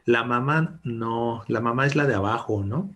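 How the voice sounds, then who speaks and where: Slow, husky male teacher. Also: mid-range voice, fairly bright tone. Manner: patient, encouraging, mixes English and Spanish. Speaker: English teacher. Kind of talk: online class for children. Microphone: video call.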